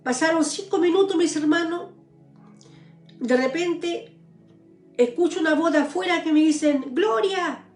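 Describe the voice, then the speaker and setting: Give me an earnest high-voiced woman. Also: unhurried, long pauses, a little mellow, roomy sound, soft background music. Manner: earnest, tearful pleading prayers, addresses listeners as brothers. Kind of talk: live-streamed personal testimony.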